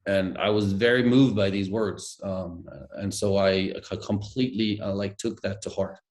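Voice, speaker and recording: Fairly low and a little mellow, the voice of a middle-aged Danish guest holds a steady tone at normal speed. He's telling stories reflectively and hesitantly, full of fillers, over a video call webcam from a room at home.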